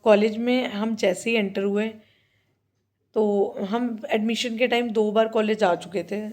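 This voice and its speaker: A woman's voice: medium pitch, a little mellow. A young woman in her twenties with an Indian accent, chatting casually in a diary-style vlog and often correcting herself as she goes. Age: 20s. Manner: chatty, self-correcting, mixes in English phrases. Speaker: vlogger. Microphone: handheld phone camera.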